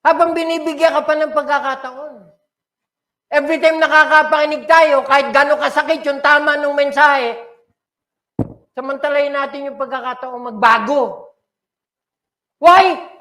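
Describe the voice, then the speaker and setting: Mixing Tagalog with English, an older Filipino-accented man delivers a dramatic, emotional sermon from a church sanctuary. His voice is very high-pitched, pushed and bright, holding a steady tone at normal speed with long pauses, and the hall echoes around him.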